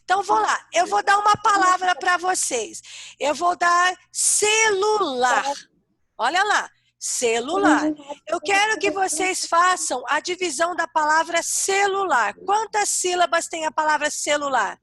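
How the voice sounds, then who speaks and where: Bright, high-voiced Brazilian teacher. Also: female voice, lively intonation, normal speed, few pauses, no echo. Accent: Brazilian Portuguese. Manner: warm, sing-song teacher talk to small kids. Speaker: primary school teacher. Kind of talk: online class for young children.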